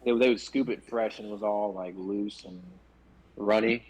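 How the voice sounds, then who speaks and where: Young male co-host, lowish voice, halting laid-back delivery, noisy friends around. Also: steady tone, a loud crowd. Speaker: podcast co-host. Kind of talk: casual chat among friends.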